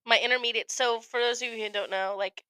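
A woman co-hosting a podcast in casual chat, a little congested from a cold and quick to laugh. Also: on the high side, fairly even intonation, sharp tone, clear, resonant tone, no echo, low-quality recording. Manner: chatty, laughs often. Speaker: podcast co-host. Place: home podcast studio.

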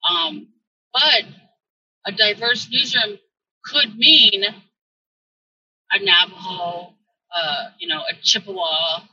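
Woman journalist on a bad call line: muffled, underwater-sounding, husky and far off, thoughtful, with halting restarts. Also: mid-range voice, bright, forceful tone, dry recording. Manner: thoughtful, restarts phrases with fillers. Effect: muffled underwater-sounding remote call audio. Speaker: journalist guest on a podcast. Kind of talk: casual conversation over a remote call.

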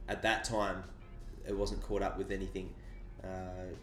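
A man with an Australian accent, a guest in an interview, explaining his past at length in a measured, reflective way. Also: sits low, little pitch movement. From Sydney, Australia. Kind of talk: conversational storytelling. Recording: roomy echo with faint music.

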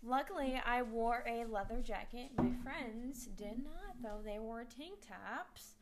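A woman in casual chat with friends, telling a long story in a rambling, animated way with many restarts. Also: a little high, unhurried, very noisy.

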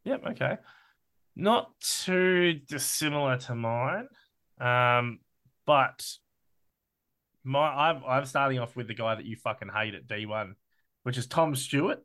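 An Australian man co-hosting a casual sports podcast, excitable and swearing freely as he talks through his team picks. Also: medium pitch, unhurried, pauses often. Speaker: podcast co-host.

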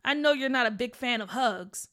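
A woman voicing a gentle, caring dad who gently teases his daughter in a storybook podcast. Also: on the high side, normal speed. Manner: gentle, teasing, hesitant.

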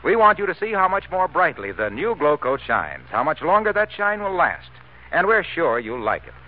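A man's voice: a little high, huge pitch swings, normal speed, narrow, tinny audio. An American man announcing for a 1940s radio sponsor with emphatic, polished salesmanship, on an old radio recording.

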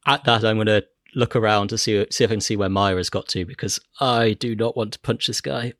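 A man playing in a tabletop game, speaking in a low-key, understated way. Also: fairly even intonation, a little fast, a bit bright, no echo, studio quality. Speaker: player. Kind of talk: casual play.

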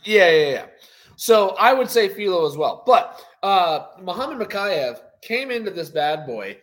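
Animated, lively-voiced male co-host. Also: high voice, unhurried. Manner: animated, rambling with fillers. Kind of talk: casual post-fight chat.

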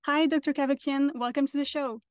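A woman hosting a podcast, reading a scripted introduction with measured, clear delivery. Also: high voice, steady tone, no echo. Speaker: podcast host.

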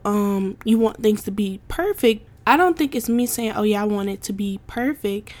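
A young adult woman hosting a casual solo podcast, talking emphatically with lots of repetition, "like" fillers and frequent laughter. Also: fairly high pitch. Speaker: podcast host.

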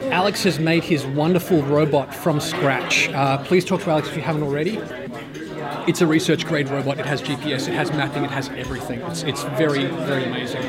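A maker showing off his project talks chattily and eagerly in a casual event interview, with lots of restarts, against loud crowd noise in a bustling indoor fair hall. His slightly worn voice is a little high, steady in tone and a little fast.

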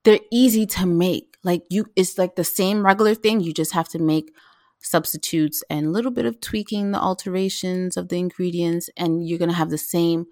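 A woman chatting as a guest about home cooking, lively and quick, with many fillers and restarts. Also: on the low side, no echo, clean studio sound. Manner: animated, talks fast with restarts and fillers. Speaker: guest, vegan home cook. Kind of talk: casual interview chat.

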